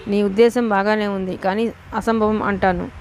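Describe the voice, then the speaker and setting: A woman's voice: mid-range voice, fairly even intonation, normal speed, a little mellow, slight background noise, close to an everyday voice. A woman reading the lines of a reserved, stubborn young man in an audiobook, with terse, guarded replies.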